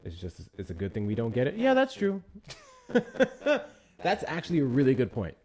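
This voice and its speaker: A man with a mid-range, slightly mellow voice hosts a live stream at a normal pace, his pitch swinging wildly as he chats loosely with viewers. He thanks them for gifts and tends to repeat himself.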